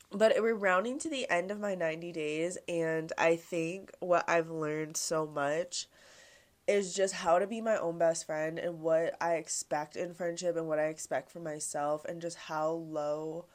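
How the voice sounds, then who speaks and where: A young woman in her twenties talks through her solo podcast in a loose, chatty way, dropping "like" into nearly every line and swearing casually. She sounds congested and a little nasal from a stuffy nose. Her voice sits a touch low for a woman. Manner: chatty, heavy use of "like", swearing. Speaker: podcast host.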